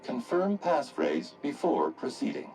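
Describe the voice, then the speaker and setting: A dutiful automech robot in a video game speaks in a stiff, formal robot voice, announcing each step like a machine. The pitch sits at an ordinary middle height but swings widely from phrase to phrase. Soft music plays behind him. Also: male voice, huge pitch swings, a little slow, creaky, heavily acted, poor audio.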